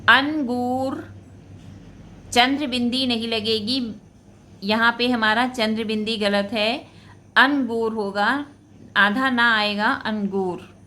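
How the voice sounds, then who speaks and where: A woman teacher talks through spelling corrections at a very unhurried pace. Her voice sits a little high and sounds bright. She names each word and says it again slowly before explaining what is wrong with it. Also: steady tone. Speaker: Hindi teacher. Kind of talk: spelling lesson for school students.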